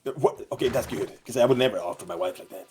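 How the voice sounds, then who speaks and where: A man playing a blunt, excitable settler with a Turkish accent and halting English in a live roleplay. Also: medium pitch, a little hiss or hum, natural voice. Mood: defensive. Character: Turkish settler, blunt, jumpy, protective husband. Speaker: roleplay character.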